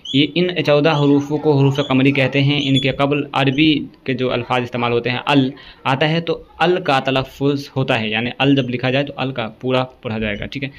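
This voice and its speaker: In a lo-fi recording, a male teacher with a medium-pitched voice runs an exam-prep grammar lesson. He goes through long lists one item at a time at a steady pace, checking in often with a quick "okay."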